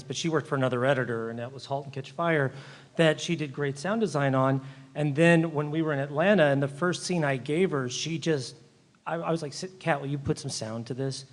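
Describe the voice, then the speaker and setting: An enthusiastic man talks shop on stage, his voice sitting a little high. He rambles and restarts as he tells stories. A long hall reverb trails behind every phrase. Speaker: lead film editor on a panel. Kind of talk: casual panel talk. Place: live event hall.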